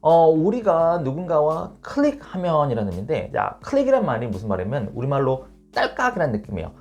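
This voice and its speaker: A man teaching an online English lesson. He explains patiently and reads the English examples slowly and clearly. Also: fairly high pitch, huge pitch swings, a little mellow.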